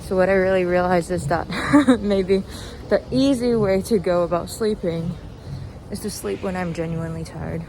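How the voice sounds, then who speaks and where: This giggly, chirpy woman, on the low side in pitch, hosts a personal walk-and-talk podcast and chats in a rambling solo style outdoors on a street. She halts often, chuckles between phrases and leans on "like", with car noise and city ambience clearly audible.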